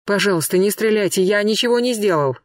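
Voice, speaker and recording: A man's voice: high-pitched, quick pace, no room sound, studio quality, pitched above the performer's own voice, lightly acted. A man voicing a frail, frightened old man who is hard of hearing and talks in a trembling, pleading way. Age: older. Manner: trembling, pleading, asks to repeat.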